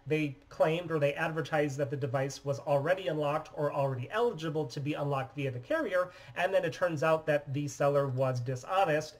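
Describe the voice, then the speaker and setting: Man, thirties, methodical, explanatory, a bit high-pitched, small room, desk camera. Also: low-quality recording. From United States. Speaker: phone repair business owner. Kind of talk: scripted product demonstration. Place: small indoor office room.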